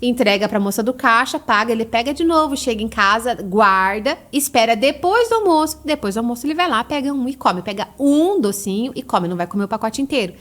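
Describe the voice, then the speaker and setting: A Brazilian woman in a casual podcast interview, talking about parenting in a lively way and acting out parent and child voices. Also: a little high, a little fast, few pauses. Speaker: guest, parenting educator.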